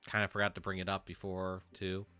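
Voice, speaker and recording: A man running a tabletop game as game master, talking casually and haltingly with many fillers. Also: deep voice, monotone, sharp tone, clear, resonant tone, dry recording, faint music behind.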